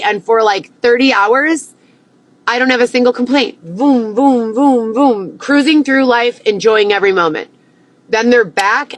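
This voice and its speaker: A woman livestreaming a profane, agitated monologue that at times rises close to yelling. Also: mid-range voice. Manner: agitated, swearing, rising to near yelling.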